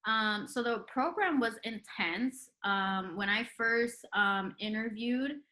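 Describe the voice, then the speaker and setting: A young adult woman of Puerto Rican heritage, described as a retired nurse, tells her story as a guest in a relaxed, casual interview. Her bright, forceful voice is fairly high and slow, and she's chatty, peppering her speech with ums and likes and laughing often.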